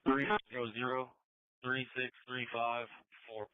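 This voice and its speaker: A man's voice: medium pitch, flat delivery, a little slow. A man, a police officer, speaking over a public safety radio, reading terse codes and call numbers. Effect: heard over a public safety radio. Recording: dry, muffled radio transmission.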